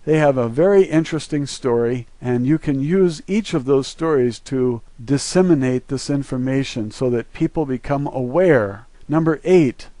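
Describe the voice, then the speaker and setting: An American video creator and presenter speaks in a mid-range voice at a moderate pace, barely pausing, with a warm tone on a dry recording. His solo monologue is earnest and preachy, part list-reading and part commentary, and he leans on his points as if urging listeners to act.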